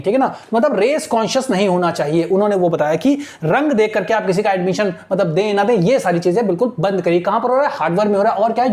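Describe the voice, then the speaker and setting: A woman teacher with an Indian accent, slowly reading English editorial lines aloud and then explaining them in Hindi, checking in with her students again and again. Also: mid-range voice, a little mellow. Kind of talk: exam-prep lesson, reading and explaining an editorial.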